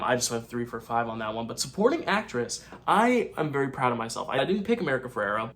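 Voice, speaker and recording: A man hosting a movie channel, giving live reaction commentary in short, excitable bursts. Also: medium pitch.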